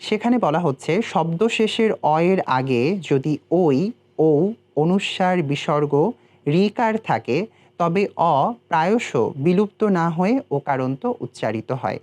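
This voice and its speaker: A man from Bangladesh teaching pronunciation in a recitation lesson, speaking in a measured way and slowing down to spell out example words. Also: a little high, animated, darkish tone.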